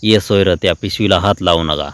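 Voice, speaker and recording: A man's voice: sits low, a little fast, a bit bright. A man voicing a bold village man who keeps a snake, speaking in rural dialect. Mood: teasing.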